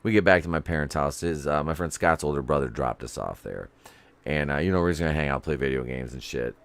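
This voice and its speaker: A man's voice: very deep voice, expressive, fast, vocal fry. A middle-aged man telling a paranormal story in casual chat, rambling, full of fillers and quoted dialogue. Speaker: guest.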